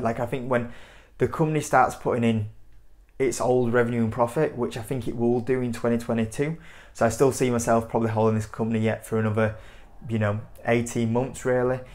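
A man's voice: medium pitch, darkish tone. Chatty young man talking stocks. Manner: rambling, repeats "you know" and "like I say", gestures a lot. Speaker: investing channel host. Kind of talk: casual stock commentary to camera. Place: indoor room in front of a whiteboard.

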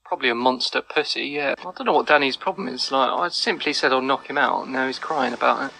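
A man calmly taunting and mocking an angry player while he narrates a prank over voice chat. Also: mid-range voice, fast talker, vocal fry, breathy edge, rough recording. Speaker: gamer, prankster. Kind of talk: casual commentary over voice clips.

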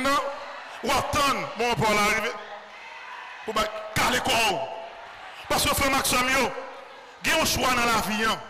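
A man with a Haitian accent, a priest delivering a fervent sermon in church and often shouting out to the congregation. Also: extremely high pitch. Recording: loud background noise.

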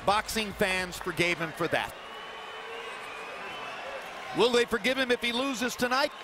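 High-pitched male boxing commentator. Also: lively intonation, a little slow, noisy background. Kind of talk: dramatic broadcast commentary. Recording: music and arena crowd behind voice.

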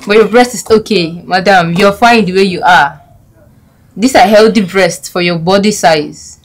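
An actress with a Nigerian accent playing a polite but firm pharmacy attendant in a comedy skit. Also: female voice, medium pitch, unhurried, close to an everyday voice. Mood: polite refusal. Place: small pharmacy shop, indoors.

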